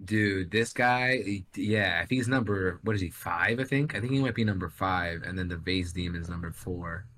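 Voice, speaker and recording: Young male podcast co-host, lowish forceful voice, frat-bro slang, enthusiastic casual anime chat. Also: moderate pace, few pauses.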